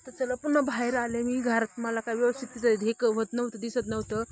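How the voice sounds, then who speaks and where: A woman's voice: fairly high pitch, little pitch movement, fast, darkish tone. A woman vlogging casually about her home outdoors at dusk, filming on a phone as she walks and chats, often repeating herself to point things out. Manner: chatty, repeats "hey bagha" often. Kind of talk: casual home tour vlog.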